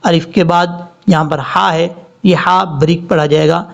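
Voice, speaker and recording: A male Quran teacher explaining tajweed rules and reciting each word slowly and drawn out. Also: a little high, steady tone, vocal fry. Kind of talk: tajweed lesson with slow recitation. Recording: slightly dull lo-fi audio.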